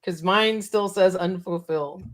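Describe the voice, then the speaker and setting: Female co-host, somewhat low voice, hoarse and cracking, casual and chatty. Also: measured pace. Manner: chatty, laughs often, reads out viewer comments. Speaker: podcast co-host. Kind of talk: casual chat.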